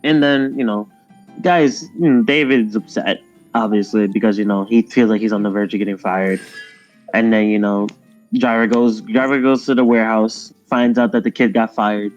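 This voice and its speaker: A man telling a long work story on a game stream, rambling and animated, acting out his coworkers' lines. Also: lowish voice, moderate pace, dull audio, faint music behind. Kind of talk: casual storytelling chat while gaming.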